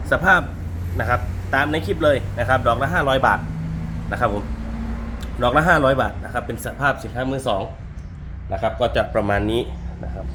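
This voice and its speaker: A man with a mid-pitched voice gives an informal product walk-through as a shop seller. He moves from item to item, restating each price with polite sentence endings. There is some background noise around him. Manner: lists items and prices item by item, repeating prices and polite particles. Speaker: audio equipment shop seller presenting stock and prices.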